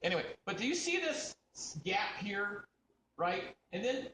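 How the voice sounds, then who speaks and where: A man's voice: sits high, sing-song, a little slow, sharp tone, a little hiss or hum. A man, a fashion designer, chatting casually on a livestream, rambling and swearing as he tells stories. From United States. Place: indoors at his design studio. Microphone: phone camera. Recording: roomy echo.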